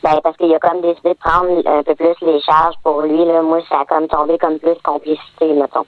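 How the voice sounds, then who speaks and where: Woman caller in a disguised deep voice. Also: level tone, brisk, no echo. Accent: Québécois. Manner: hesitant, full of fillers. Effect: disguised deepened voice from a voice changer. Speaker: anonymous caller. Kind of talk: radio call-in confession. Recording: tinny phone line.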